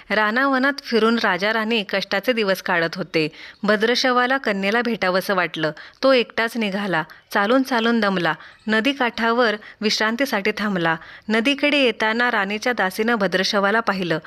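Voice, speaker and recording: A woman reading aloud a devotional folk tale in a measured, rhythmic storytelling style. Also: on the high side, fairly bright tone. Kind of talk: scripted folk tale narration.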